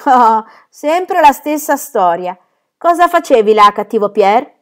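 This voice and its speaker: A woman reading the part of a widowed peasant father who is soft-hearted and gentle, in her own lively voice. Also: on the low side, moderate pace, lightly acted. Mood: scolding.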